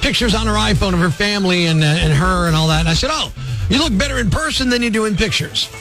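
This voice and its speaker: A man's voice: high voice, animated, fast, music in the background. A man in his fifties hosting a radio call-in segment, joking and laughing often. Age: 50s. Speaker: radio host. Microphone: studio microphone.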